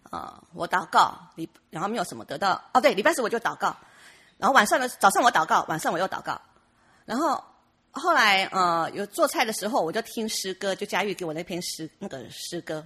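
A woman's voice: medium pitch, a bit bright, husky. A woman giving a personal church testimony, chatty and full of restarts and laughs.

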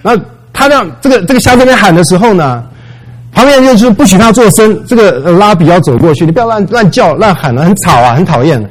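A man's voice: sits high, expressive, fast talker, rough recording. Conversational man preaching a sermon. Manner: conversational, mixes English words, acts out voices in retellings.

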